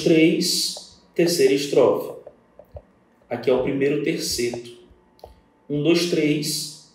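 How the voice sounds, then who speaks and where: A man's voice: fairly high pitch, a little mellow, far from the mic. A man with a Brazilian Portuguese accent teaching a poetry lesson, counting lines and syllables aloud and answering his own imagined student questions. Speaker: literature teacher. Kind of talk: recorded exam-prep lesson on poetry. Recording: very echoey room.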